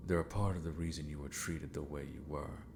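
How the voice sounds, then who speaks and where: In a fantasy ASMR roleplay, a man voices a villainous mentor with a very deep, gravelly, creaky tone and fairly even intonation. He speaks slowly in a formal, theatrical way, courteous yet scheming and a bit unhinged, probing with curiosity and sometimes muttering to himself. Noticeable noise sits behind him.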